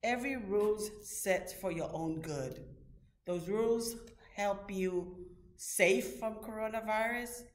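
A woman's voice: medium pitch, slow. A middle-aged woman pastor giving a children's message in a church, asking simple questions patiently. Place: church sanctuary. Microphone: far camera. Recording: echoey room from far off.

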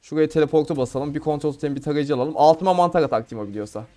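A man's voice: fairly high pitch, very fast, a little mellow. A young man from Turkey giving casual, playful commentary on his own gameplay, laughing and talking to viewers. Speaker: gamer streamer.

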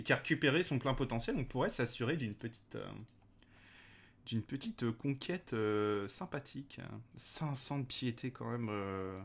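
A man's voice: medium pitch, a bit bright. Man hesitantly musing over a game. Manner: hesitant, many fillers, talks to game characters. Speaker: let's play host. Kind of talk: casual gameplay commentary.

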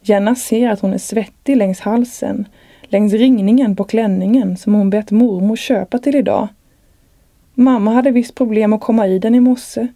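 An author reading from her own novel in a calm, measured voice. Her tone is unusually dark and mellow, at an average pitch. The recording is close and dry. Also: dry recording.

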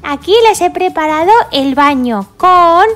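A woman from voicing a cheerful little girl pig who fusses over her baby dolls in a sing-song, drawn-out way. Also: sits high, a bit bright. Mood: doting. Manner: sing-song, fussing and doting, drawn-out words.

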